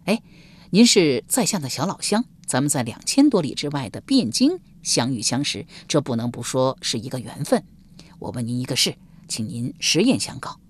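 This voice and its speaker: A woman's voice: a bass voice, very animated, moderate pace, slightly rough, full character voice. A woman reader voicing a twenty-year-old male scholar who is eager, polite and begging in an audiobook. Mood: ingratiating. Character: young male scholar, 20, frightened and pleading. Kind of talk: audiobook character voice.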